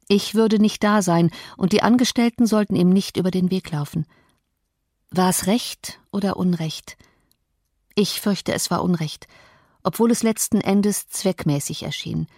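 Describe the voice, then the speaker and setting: A woman narrating an audiobook in a measured, reflective way, close to a studio mic. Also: medium pitch, darkish tone, dry recording.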